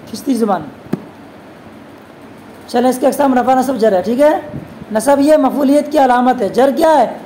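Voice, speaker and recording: High-voiced woman teaching, quizzing students. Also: dark tone, rough recording. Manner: keeps posing quick questions to students and answering them; addresses students as "beta". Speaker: religious teacher. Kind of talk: classroom grammar lesson.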